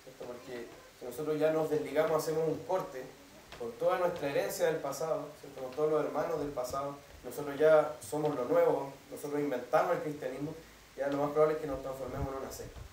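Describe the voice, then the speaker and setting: In an echoey church hall, a pastor gives a teaching sermon, explaining things step by step and repeatedly asking the congregation "¿cierto?" to check that they follow. The distant mic picks up his slightly high, somewhat mellow voice, which is fast and fairly even in intonation, along with a bit of hiss or hum.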